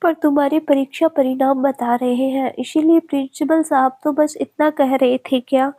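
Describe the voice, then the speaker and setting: A woman's voice: high voice, fairly even intonation, normal speed, mellow, natural voice. A woman reading as a kindly, stern old-school professor. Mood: teasing. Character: kindly middle-aged male professor, stern but amused.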